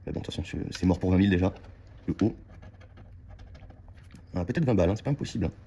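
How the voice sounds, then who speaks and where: A scratch-card vlogger chats casually to his viewers while scratching lottery tickets, repeating words as he checks each one. His voice is low, mellow and husky, and he talks quickly.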